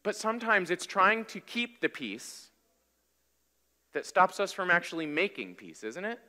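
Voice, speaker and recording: Man in his thirties, sermon, high clear voice, conversational, long hall reverb. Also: unhurried. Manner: conversational, energetic preaching with wide gestures. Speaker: pastor. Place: large church hall, on stage at a wooden pulpit.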